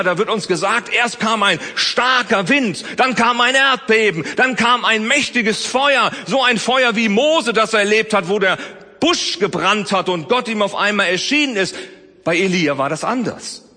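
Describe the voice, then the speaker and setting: A man preaching a sermon, swinging between loud emphasis and soft, close speech. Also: high voice, animated, normal speed, long reverb tail. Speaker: pastor.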